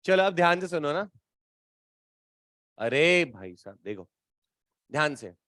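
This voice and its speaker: A man teaching physics to a class in a casual, teasing way, bantering with students and slowing down to stress key terms. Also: fairly high pitch, sing-song, fairly bright tone, no echo, studio quality. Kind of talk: classroom lecture.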